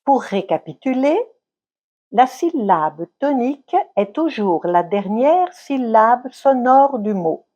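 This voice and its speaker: A woman teaching in a slow, carefully enunciated lesson. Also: a little high, expressive, mellow. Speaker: French teacher.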